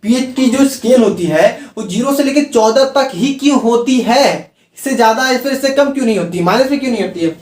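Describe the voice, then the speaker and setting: A man's voice: very high voice, expressive, fairly quick, a little mellow. Man teaching chemistry, roomy and distant. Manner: repeats key terms, asks and answers his own questions. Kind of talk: chemistry lecture. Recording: roomy sound from a distant mic.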